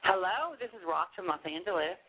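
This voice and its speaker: A playful caller heard over the phone, sounding thin and tinny with little body to the voice. They speak in a middling register and brag about their own voice. Loud music plays behind the call. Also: medium pitch, lively intonation, brisk. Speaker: caller to an internet radio show.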